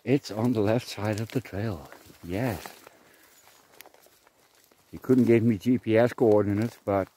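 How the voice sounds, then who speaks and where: A man's voice: fairly low pitch, measured pace, pauses often, dark tone, a little hiss or hum. A man vlogging outdoors on a forest trail in light rain, chatting to himself and the camera in a rambling way. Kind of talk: casual outdoor vlog narration. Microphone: camera on a tripod.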